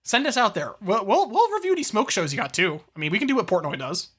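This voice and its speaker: Brief: male co-host, bright tone, rambling and profane. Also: high-pitched, wildly swooping pitch, fast talker, slightly rough. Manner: rambling, profane, reads news aloud. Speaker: podcast co-host. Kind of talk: casual chat.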